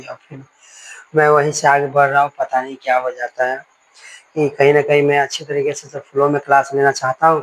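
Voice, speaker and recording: A man's voice: medium pitch, rough recording. A male teacher giving a live online grammar class, explaining patiently and dictating definitions word by word. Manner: explains slowly, repeats and dictates words one by one.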